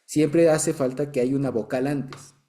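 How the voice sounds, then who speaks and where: A man's voice: medium pitch, fairly even intonation, unhurried, mellow. A man with an Ecuadorian accent teaching a Bible study, explaining patiently, checking that listeners follow and chuckling now and then. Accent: Ecuadorian Spanish. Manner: explanatory, keeps checking understanding.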